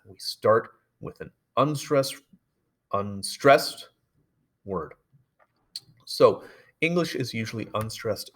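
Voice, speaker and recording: A male teacher talks through a recorded lesson in a mid-range voice. He explains patiently and informally, often pausing on fillers and correcting himself mid-sentence. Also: medium pitch, a bit bright. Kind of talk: recorded classroom lecture.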